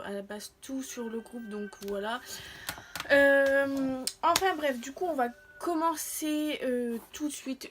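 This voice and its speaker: A woman's voice: a little high, a little hiss or hum. A woman vlogging casually to her followers, rambling and interrupting herself as she goes, often trailing off. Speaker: vlogger showing free samples she received. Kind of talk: casual chatty video to followers.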